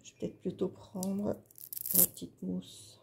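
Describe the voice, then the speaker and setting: A woman's voice: lowish voice, level tone, unhurried, creaky, background noise. A woman hosting a casual craft video, talking through her work in a chatty, hesitant way with many fillers. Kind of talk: casual craft tutorial talk.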